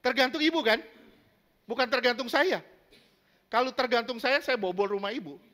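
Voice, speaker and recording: Bright, high-voiced man preaching. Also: normal speed. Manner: emphatic, asks the congregation questions, acts out little scenes. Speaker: pastor. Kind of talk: sermon.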